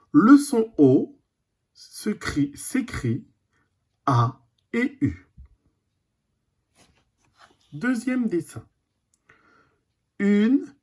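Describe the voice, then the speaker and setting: A primary school teacher giving a recorded reading lesson to young children, speaking slowly and deliberately, repeating each word. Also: medium pitch, mellow, breathy edge. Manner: slow, deliberate, repeats and stretches words.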